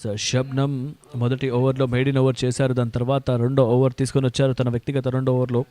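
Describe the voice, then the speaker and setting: A male cricket commentator with a Telugu accent calls play ball by ball in a mid-pitched voice that keeps to a narrow range. He mixes in English terms and often restarts his thoughts with "So". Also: monotone, fast, mellow. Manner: starts phrases with "So", repeats himself.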